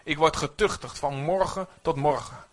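A man preaching a sermon to a congregation, animated and calling for amens. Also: fairly high pitch, normal speed. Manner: animated, rising to near-shouts when voicing prayers; speaks to the congregation, asks for amens. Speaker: pastor.

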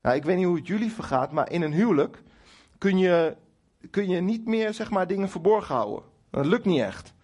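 Speaking a little fast in a high, slightly rough voice, a middle-aged man delivers an emphatic sermon to a congregation in a church hall. He talks straight to his listeners with some humour, livening things up by acting out quotes to God.

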